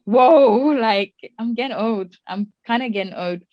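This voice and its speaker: A woman's voice: a little high, measured pace, no room sound, muffled recording. A young woman in her twenties hosts a casual podcast chat, thinking aloud and asking probing questions. The recording is dry and close, with a slightly dulled top end. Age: 20s. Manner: reflective, asks probing questions. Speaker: podcast host.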